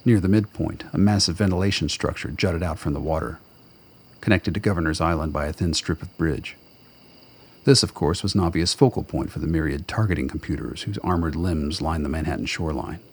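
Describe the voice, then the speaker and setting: Narrating a radio drama, a man with a very deep, husky voice delivers his script in a measured, faintly wry storytelling style.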